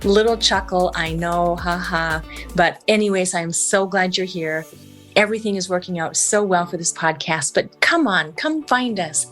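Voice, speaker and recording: Chatty lady podcaster talking to listeners, slushy lisp on her s's, lowish voice. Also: normal speed, fairly bright tone, soft background music. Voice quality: slushy lateral lisp, sh-like s sounds from dental braces. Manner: informal, chatty, addresses listeners directly. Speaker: podcast host. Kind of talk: casual podcast outro addressed to listeners.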